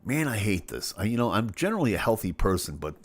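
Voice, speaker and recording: A man from the Chicago area, fighting a head cold, hosts a live stream and reads viewer comments in a casual, joking way. His voice is on the low side and he talks fast, with a playful, animated delivery and sudden loud bursts.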